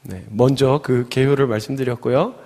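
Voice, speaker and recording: A youth pastor with a mellow, mid-range voice preaches in a church sanctuary at a moderate pace and fairly even intonation. His sermon is chatty and filler-heavy, built on stories in which he acts out the quotes, and long hall reverb fills the recording.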